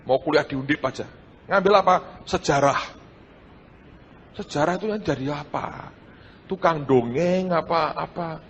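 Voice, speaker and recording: A middle-aged man, preaching a sermon and telling his own story, swinging between hushed and loud. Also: fairly high pitch, measured pace, pauses often, highs cut off. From Indonesia. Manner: animated, shifts between hushed and loud, addresses audience as saudara. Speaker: pastor. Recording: large hall with long reverb and faint noise.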